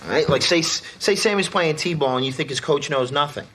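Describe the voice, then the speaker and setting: A man's voice: on the high side, normal speed, a bit bright. An actor playing a blunt, know-it-all family man who lectures a friend on parenting. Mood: lecturing. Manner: blunt, lecturing, laid-back. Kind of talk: sitcom acting.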